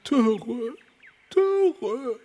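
A woman's voice: a little high, expressive, very slow, warm tone, heavily acted. A woman doing a weary, sad little elephant. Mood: mournful trumpeting. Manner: only trumpets in baby-elephant sounds. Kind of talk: audio drama acting.

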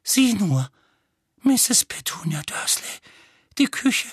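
Storybook aunt, shrill and shaky, sharp-tongued woman, as a man puts her on. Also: very animated, slow, husky, no room sound, studio quality, heavily acted. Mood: trembling. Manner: shrill, trembling.

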